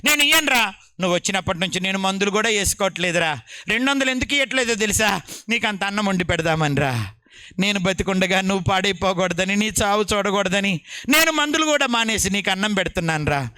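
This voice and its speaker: A man voicing an old mother pleading softly. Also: high-pitched, animated, fast, smooth, no echo. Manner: tender, pleading. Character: elderly mother pleading with her drunk son.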